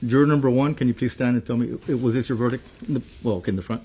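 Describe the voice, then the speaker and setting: A man serving as a judge in a courtroom recording, reading a verdict and running proceedings with halting speech full of fillers. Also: medium pitch, steady tone, mellow, slight background noise. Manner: halting, many fillers and restarts. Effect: courtroom recording played back.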